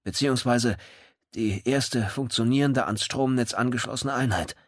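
A man's voice: mid-range voice, normal speed, dry recording, clean studio sound, pitched above the performer's own voice, close to an everyday voice. A man voicing a worried, boastful company director of about sixty in a read-aloud story. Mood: proud. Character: anxious, proud sixty-year-old company director.

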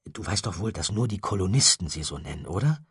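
A man with a husky voice, voicing a curious teenage boy who explains things with a teasing edge. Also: low-pitched, lively intonation, fast, fairly bright tone, no room sound, studio quality, full character voice.

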